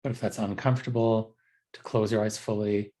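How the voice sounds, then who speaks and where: In a lowish, fairly flat voice, a man guides a body scan meditation as the teacher. His speech is soft and slow, unscripted, and broken by frequent pauses.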